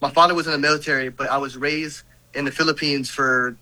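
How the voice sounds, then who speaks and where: A young man, a professional boxer being interviewed, talking about his training in a relaxed, upbeat way. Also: fairly high pitch, fast, low-quality recording. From United States.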